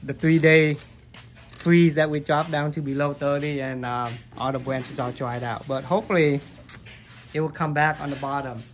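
With a little hiss or hum on the audio, a man whose voice is a little high and steady explains at a moderate pace how to hand-pollinate plants. The gardening vlogger is in a basement grow room, filming his hands on a handheld phone and chatting loosely with "like" and "um."

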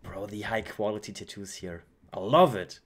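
A man's voice: fairly low pitch, moderate pace. A young man from Germany hosting a casual reaction video at home, gushing and repeating his words as he watches. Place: home room with shelves. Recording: music playing behind the voice.

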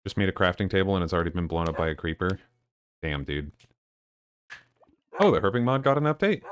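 A man streaming a game live, chatting casually with viewers in a low-key, deadpan way. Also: brisk, clean tone. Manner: low-key and deadpan, even when excited. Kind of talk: casual live-stream chat while gaming. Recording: noisy with clicking in the background.

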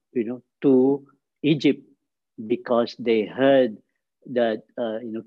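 Slow, halting priest giving a homily. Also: male voice, medium pitch, slightly rough, dry recording, narrow, tinny audio. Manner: halting, many fillers and restarts, rising emphatic peaks. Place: small chapel with crucifix.

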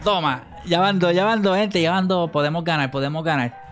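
A man commentating his own gameplay, excitable, shouting and laughing as he eggs himself on. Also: on the high side, a little fast, over music. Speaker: gaming video host.

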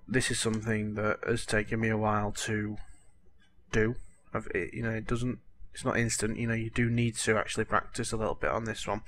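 A gaming tutorial host speaks over game footage in a fairly low, fairly bright male voice, with a little hiss or hum in the audio. He has a cold, his voice cracks, and he rambles apologetically, leaning heavily on fillers like "you know".

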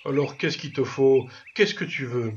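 A man's voice: mid-range voice, measured pace, dull audio, slight background noise, pitched above the performer's own voice, natural voice. A man voicing an anxious old farmer who pleads and exclaims in dismay, with birds chirping behind. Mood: pleading.

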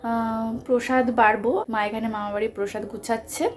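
A young woman with a Bengali accent chatting casually to her viewers in a home vlog, talking softly because of a sore throat. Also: on the high side, steady tone, a little fast, crowd noise. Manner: chatty, tag questions to viewers. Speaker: vlogger.

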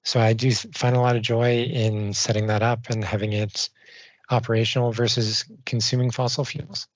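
A man, a civil designer, giving measured technical answers in a podcast interview. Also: mid-range voice, flat delivery, no room sound. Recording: dull dry studio sound.

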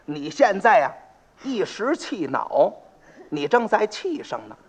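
A man's voice: sits high, sing-song, slow pace, slightly rough, heavily acted. A man voicing a pompous, hot-tempered county magistrate who lectures and blusters in an officious way. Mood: lecturing.

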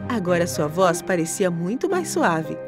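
A woman narrating a cartoon story for children in an expressive, animated storytelling manner. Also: on the low side, moderate pace. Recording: narration with music underneath.

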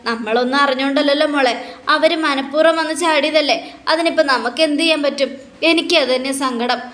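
A woman's voice: high-pitched, fairly quick, a bit bright, roomy sound. A woman voicing a scheming, protective mother who talks in a calculating, placating way.

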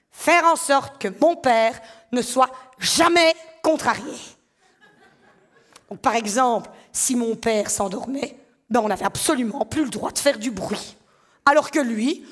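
A woman in her thirties with a Belgian French accent from around Liège performs a stand-up comedy monologue on a theatre stage before a live audience. Her pitch is fairly high, and she tells her stories animatedly, acting out voices.

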